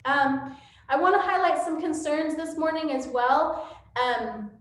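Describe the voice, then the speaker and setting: A woman's voice: high voice, unhurried. A woman leading a church service and giving announcements with frequent ums, her voice carrying a cathedral echo in a church sanctuary. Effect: cathedral echo from a large church hall. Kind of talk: church announcements to a streamed congregation. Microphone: room microphone for a livestream. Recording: heavy echoey church room.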